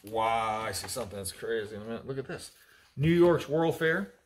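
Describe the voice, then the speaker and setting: A man's voice: mid-range voice, expressive, brisk. Chatty man narrating an unboxing. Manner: chatty, reads labels aloud, teases crew. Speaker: auctioneer. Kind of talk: casual unboxing commentary. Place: indoor storage area with block walls.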